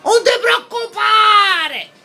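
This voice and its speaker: A woman with a Sicilian accent chatting with a pet bird in an animated, repetitive way, cooing and scolding. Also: very high-pitched, drawn-out words, gravelly, shouting.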